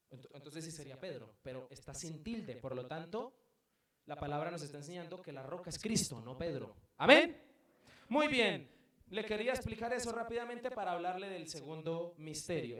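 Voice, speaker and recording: Echoey Colombian pastor preaching. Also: male voice, fairly high pitch. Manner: emphatic preaching with rhetorical questions, swinging between loud and soft. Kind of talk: sermon. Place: church hall. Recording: very echoey room, mic at a distance.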